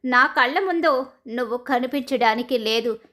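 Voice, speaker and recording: A woman's voice: a little high, moderate pace, pushed and bright. A woman voicing an angry, betrayed middle-aged mother-in-law who speaks sharply and threatens. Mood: furious.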